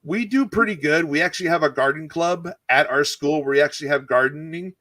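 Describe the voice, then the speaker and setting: A man with a fairly high voice talks casually about cooking, rambling a little and restarting his sentences as ideas come to him. He sounds keen and easygoing, like a teacher explaining how his kitchen runs. The sound is dry and close, with no room around it. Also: brisk, sharp tone, dry recording. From California. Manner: rambling, self-correcting, enthusiastic about food. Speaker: cooking channel guest, culinary teacher. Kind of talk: casual interview chat.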